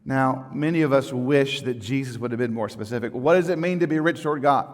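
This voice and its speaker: A man preaching a sermon as pastor, conversational and folksy, swinging from quiet asides to loud emphatic lines. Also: medium pitch, brisk. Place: church sanctuary. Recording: church sanctuary with long reverb.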